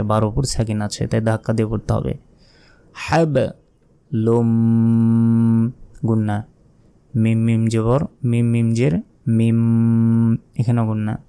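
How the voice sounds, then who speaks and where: A man teaching Quran pronunciation, explaining points patiently and then chanting the verses in long, drawn-out tones. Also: mid-range voice, fairly even intonation, mellow, smooth. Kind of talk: tajweed lesson with chanted recitation.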